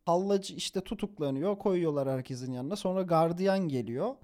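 A young man telling a story in a casual, animated way, chuckling as he goes, with informal slang and quick self-corrections. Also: a little high.

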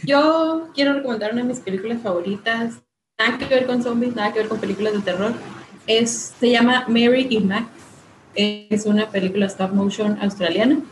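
A woman's voice: on the high side, normal speed. A woman co-hosting a casual podcast, earnestly recommending a film. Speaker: podcast co-host. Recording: echoey room with faint noise.

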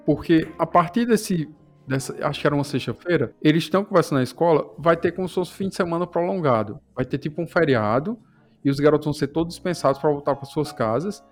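A man's voice: a little high, fast talker, soft background music. A man hosting a casual film discussion, retelling scenes with lots of rhetorical questions. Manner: animated storyteller, asks rhetorical questions. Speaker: podcast host.

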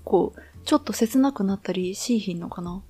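A woman with a Kansai accent, co-hosting a casual chat podcast and talking in a relaxed, drawn-out way. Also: medium pitch, faint music behind. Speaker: podcast co-host.

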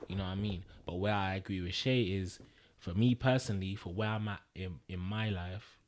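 Low-voiced man, stammering. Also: steady tone, a little fast. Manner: stammering restarts, addresses listeners directly. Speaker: podcast co-host. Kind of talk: casual chat.

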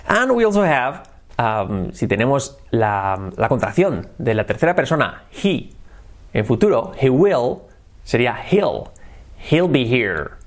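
Young man from Spain, Spanish accent, upbeat bilingual English tutor who spells words out slowly and repeats them. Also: medium pitch. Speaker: English teacher. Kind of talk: bilingual vocabulary lesson.

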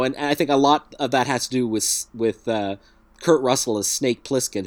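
A man's voice: medium pitch, no echo. Wry man dryly recapping films. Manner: wry, dryly joking, steady storyteller. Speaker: podcast co-host. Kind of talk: casual film review chat.

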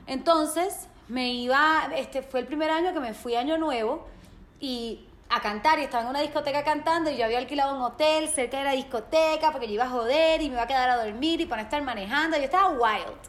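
A woman's voice: high-pitched, quick pace, roomy sound. A woman, telling a story in a casual chat and dropping English words into her speech. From Puerto Rico.

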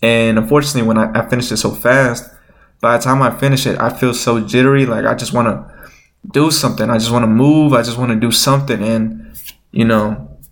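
A man's voice: medium pitch, fairly even intonation, a little fast. A man with a nasal, slightly stuffed-up voice, rambling informally as he hosts an unscripted solo show. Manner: rambling, informal, thinking aloud. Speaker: host of a solo podcast. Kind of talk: unscripted casual chat.

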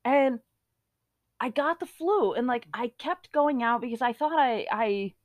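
A woman's voice: on the high side, animated, measured pace, no echo. A young woman co-hosting a podcast, telling an embarrassing story in casual chat and laughing until she cries. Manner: laughing through her story, tearful with laughter. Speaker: podcast co-host.

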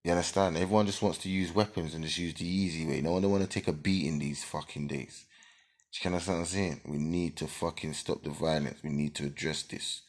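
A man with an extremely low, heavy voice speaks in a London roadman accent. He rants with passion straight to his listeners, hammering points home through repetition. His talk is thick with street slang and swearing. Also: fairly even intonation, fast. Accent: London roadman, multicultural London slang. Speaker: speaker addressing online listeners. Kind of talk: impassioned spoken rant to listeners.

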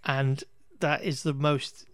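Speaking slowly in a mid-range voice with little pitch movement, this podcast host rambles through a film recap, sounding wry and fed up, restarting sentences and swearing occasionally. The audio is dry.

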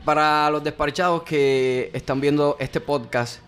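A man's voice: on the high side, fairly even intonation, unhurried, fairly bright tone, smooth. A man hosting a podcast, asking questions in a joking, teasing way. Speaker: podcast host. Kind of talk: casual podcast interview.

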